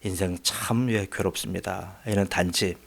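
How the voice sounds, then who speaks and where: A man's voice: sits low, fairly even intonation, moderate pace, creaky. A man, the pastor, preaching a sermon in a church, emphatic, with rising peaks and frequent short affirming asides. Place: church sanctuary.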